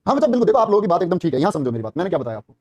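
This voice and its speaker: A man teaching a live online exam class, quizzing students quickly and repeating every answer. His voice sits high and mellow, and his talk is rapid. The sound is dry and close, with no room around it. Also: big pitch swings, no room sound. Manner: encouraging praise, calls students brother and child. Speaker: Hindi teacher for police exam prep.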